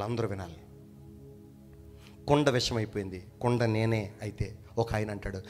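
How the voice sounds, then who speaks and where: A man with a Telugu accent preaching a sermon, pushing his congregation to answer back loudly and swinging from shouted lines to quiet ones. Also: medium pitch. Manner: emphatic call-and-response preaching, urging the congregation to answer loudly. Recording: long hall reverb.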